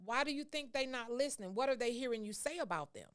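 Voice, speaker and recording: A woman's voice: a little high, lively intonation, fast, fairly bright tone, clear, resonant tone. A woman co-hosting a casual faith talk show, speaking in an earnest, teaching tone. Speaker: co-host.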